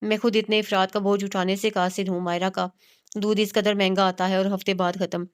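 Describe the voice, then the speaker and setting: A woman's voice: medium pitch, flat delivery, smooth, lightly acted. A woman voicing an overburdened older brother who complains wearily. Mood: weary. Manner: weary and complaining.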